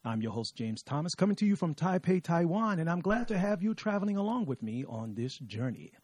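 A middle-aged man hosting a podcast from an office studio, chatty and lively, with many fillers as he talks to his guest. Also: fairly high pitch, fairly quick, breathy edge, no echo. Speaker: podcast host.

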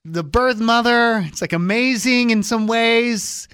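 Woman co-host, mid pitch, playful and teasing, close dry sound. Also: measured pace, fairly bright tone, smooth, no room sound. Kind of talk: casual chat.

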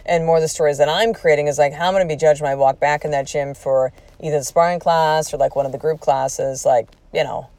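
A woman's voice: low voice, a little fast, few pauses, no room sound. A woman in her forties, a podcast host telling a personal story in a candid, profane way, acting out what people said. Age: 40s. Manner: candid and profane, animated retelling with quoted speech.

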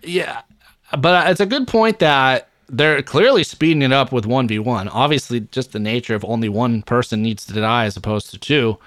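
A man co-hosting a casual gaming podcast, airing strong opinions in a blunt, profane way. His voice sits at an ordinary middle pitch. The sound is close and dry, with no room around it. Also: normal speed, fairly bright tone, dry recording. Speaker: podcast co-host.

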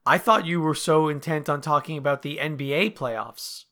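A man's voice: fairly high pitch, moderate pace, pushed and bright. A man co-hosting a casual sports podcast, teasing and playful, sounding just woken up. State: just woke up. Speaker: podcast co-host. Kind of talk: casual chat.

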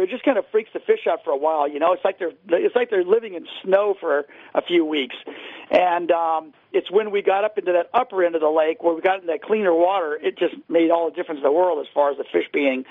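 An angler joins a radio show as a guest, chatting casually and at rambling length over a tinny phone line. He talks fast in a high voice, and the recording is dry.

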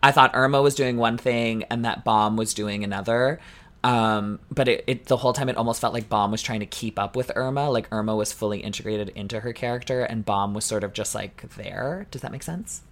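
A woman's voice: extremely low pitch, fairly quick. A woman co-hosting a podcast in casual chat, giggly and candid, often trailing off with "like" and "I don't know". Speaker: podcast co-host.

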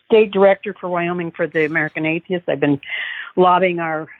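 A woman's voice: fairly low pitch, fairly even intonation, fairly quick, dry recording. A woman calling in to a radio talk show on speakerphone, speaking earnestly as a state director of an advocacy group. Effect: on speakerphone over a phone line. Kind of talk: call-in chat. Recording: tinny, dry speakerphone call.

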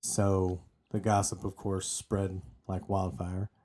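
Casual podcast co-host, male, mellow tone, chatty and given to restarts. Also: low voice, little pitch movement, slow pace, slight background noise. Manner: chatty, often repeats words while restarting. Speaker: podcast co-host telling the story. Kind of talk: casual true-crime podcast storytelling.

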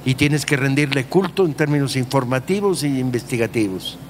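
A man speaks in an analytical panel discussion, setting out his argument deliberately and with emphasis. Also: medium pitch, lively intonation, a little hiss or hum. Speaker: discussion participant.

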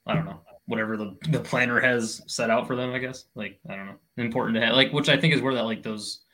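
A man's voice: mid-range voice, quick pace, sharp tone, poor audio. A man in his early twenties, a podcast guest, talking hesitantly and hedging with "like" and "I guess.". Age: 20s. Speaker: podcast guest, finance intern. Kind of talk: casual podcast chat.

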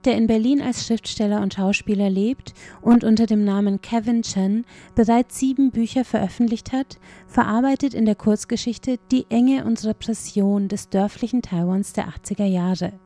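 A woman's voice: medium pitch, mellow. A woman reading a scripted cultural report as a radio reporter.

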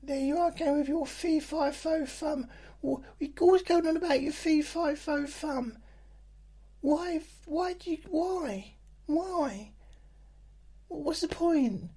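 A man voicing a nagging ogre's wife in a high falsetto, ranting. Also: slow pace, warm tone, heavily acted. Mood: exasperated nagging. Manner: ranting, ad-libbed complaints in falsetto. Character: nagging old ogre's wife, shrill and scolding.

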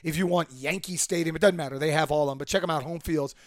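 A man hosting a sports podcast with emphatic, opinionated football commentary, his voice hoarse from a cold. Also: fairly high pitch, quick pace, no room sound, clean studio sound. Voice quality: hoarse, worn voice.

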